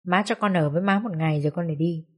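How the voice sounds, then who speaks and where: A woman's voice: on the low side, rapid-fire, close to an everyday voice. A woman voicing a sorrowful young daughter who works as a servant, speaking earnestly through tears. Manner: earnest, tearful.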